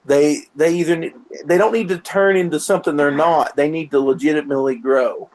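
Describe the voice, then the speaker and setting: A man in a casual stream chat, agreeable and quick to chime in. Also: a little high, a little mellow, slight background noise, rough recording.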